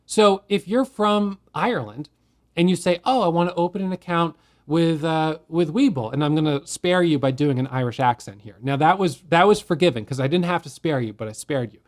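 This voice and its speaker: A man's voice: fairly high pitch, brisk. A man who teaches day trading, explaining a rule in a plain, conversational way and asking rhetorical questions as he goes. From United States. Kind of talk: explanatory talk to camera.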